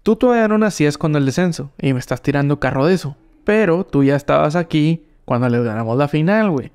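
Gravelly smooth-voiced northern Mexican host. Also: male voice, on the high side, lively intonation, quick pace, a little mellow. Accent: northern Mexican (Monterrey). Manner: slangy, says güey constantly. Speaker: podcast host. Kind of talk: casual chat.

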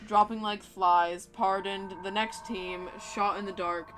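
Excitable woman streamer chatting mid-game. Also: mid-range voice. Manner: excitable, quick bursts, giggly. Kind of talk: casual chat while gaming.

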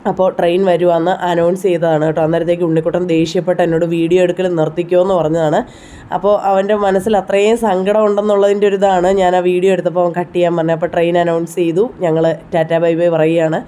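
Fast-talking Kerala Malayali woman vlogger. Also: lowish voice, flat delivery, warm tone. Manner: chatty, heartfelt, frequent tag "you know". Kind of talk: personal vlog voice-over narration.

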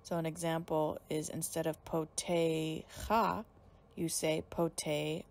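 A woman explaining a Hebrew pronunciation rule in a recorded lesson, calm and even. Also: low-pitched, moderate pace. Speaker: Hebrew teacher.

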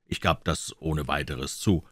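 A man's voice: very deep voice, unhurried, a bit bright, dry recording, studio quality. A man narrating a classic detective story as an audiobook reader. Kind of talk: scripted narration.

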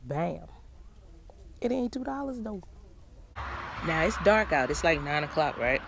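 A woman's voice: low-pitched, sing-song, unhurried, gravelly. A woman vlogging casually on her phone while walking outside, talking straight to her viewers, chatty and folksy, and out of breath. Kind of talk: casual vlog talk to camera. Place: outdoors, walking near traffic at night. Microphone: handheld phone. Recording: faint outdoor traffic noise.

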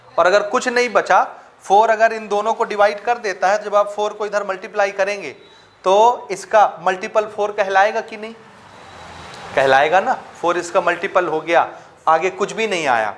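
Male tutor with a Chhattisgarh Hindi accent, fairly high voice, quizzing the class as he explains, faint room hum behind. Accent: Hindi-speaking Chhattisgarh. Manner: checks understanding with frequent rhetorical questions; mixes Hindi with English maths terms, dictating slowly. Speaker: maths teacher. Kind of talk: classroom lecture.

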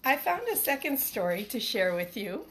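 With big pitch swings and a fairly high voice at normal speed, a middle-aged elementary school teacher leads storytime from home. She chats casually on a livestream and reads a picture book to children in a small living room. A phone at arm's length records her, along with some background noise.

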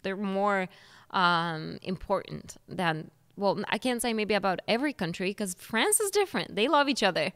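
A woman with a Polish accent tells stories in a lively, animated way as a guest in a casual studio interview. Her voice is bright and forceful, picked up on a boom-arm mic with a long reverb around it. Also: moderate pace, smooth. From Poland. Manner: lively, animated storytelling with laughter. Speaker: guest actress. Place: studio with orange backdrop.

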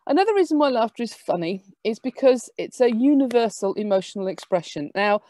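A woman giving an academic lecture, explaining lively with quick asides. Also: on the high side, no room sound.

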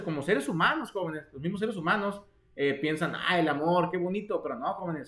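A man leads a live-streamed biology class for exam prep. He talks in a joking, theatrical way and keeps turning to his students as "jóvenes". His voice sits a little higher than most men's. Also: a bit bright. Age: 30s. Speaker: online biology teacher.

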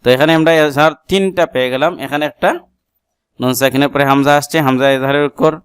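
Talking fast in a fairly high, clean-toned voice, a man with Bengali as his first language leads a spelled-out Quran recitation lesson in a Bangladeshi accent. He breaks down letters and vowel marks, explains each tajweed rule, and chants the verse melodically, recorded at studio quality with no room sound.

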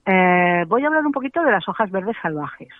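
A woman's voice: medium pitch, very animated, brisk, no echo. Woman on a tinny phone line. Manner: chatty, explanatory, frequent tag questions. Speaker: macrobiotic cooking guest. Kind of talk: radio interview by phone.

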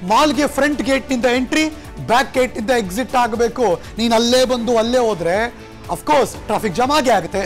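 A man's voice: extremely high pitch, normal speed, faint music behind. A man anchoring a TV news bulletin in a studio, talking in an emphatic, conversational way and dropping in English phrases.

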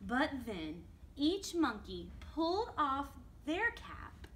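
Reading a picture book aloud at preschool storytime, a woman children's librarian goes slowly and expressively, pausing to ask the children questions. Her voice sits on the high side, very animated and a bit bright, with slight background noise.

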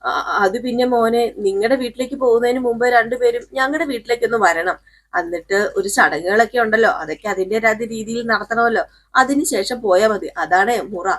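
A woman's voice: fairly high pitch, fairly quick, fairly bright tone. A woman doing a falsely sweet scheming mother. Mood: coaxing.

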